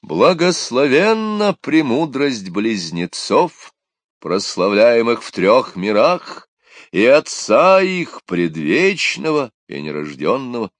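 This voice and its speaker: A fervent temple priest thunders a sermon over a crowd, as a man puts him on. His voice rises well above the reader's own and rings out loud and slow, every phrase stretched with grave ceremony. The delivery is dry and close, with no room sound. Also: very animated, no echo. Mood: solemn, thundering. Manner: solemn, booming, drawn-out sermon delivery. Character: zealous male temple priest preaching loudly.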